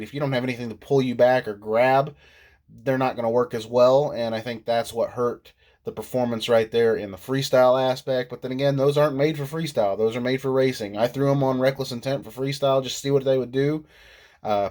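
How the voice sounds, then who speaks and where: A man talks through his weekend in a relaxed, chatty vlog recap, his voice stuffy and nasal from a cold. He laughs easily and pokes fun at himself, at an ordinary middle pitch. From Illinois. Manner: chatty, laughs often, self-deprecating. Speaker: RC monster truck vlogger. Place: indoors at home.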